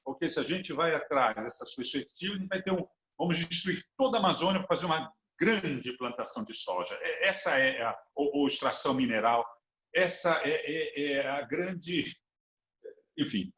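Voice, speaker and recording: A man's voice: a little high, lively intonation, normal speed, sharp tone. Earnest Brazilian man, roomy dull recording. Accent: Brazilian Portuguese. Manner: earnest, thoughtful, builds points with examples. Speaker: interview guest. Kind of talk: reflective interview talk.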